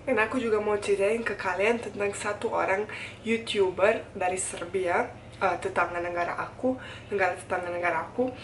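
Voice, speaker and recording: A woman's voice: medium pitch, moderate pace. Echoey foreign woman vlogger. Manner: foreigner speaking fluent colloquial Indonesian as a second language; earnest, emphatic, repeats phrases. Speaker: food YouTuber. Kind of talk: candid confessional talk to camera. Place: indoors at home. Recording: echoey room, distant mic, faint noise.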